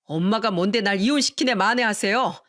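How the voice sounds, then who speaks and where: A woman's voice: mid-range voice, brisk, fairly bright tone, close to an everyday voice. A woman voicing an earnest husband in a radio story, speaking firmly and pleadingly to his mother and his wife. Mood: firm, exasperated. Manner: firm and pleading, then tender.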